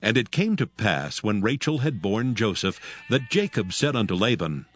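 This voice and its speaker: Low solemn male scripture narrator. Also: big pitch swings, normal speed, fairly bright tone. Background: background music.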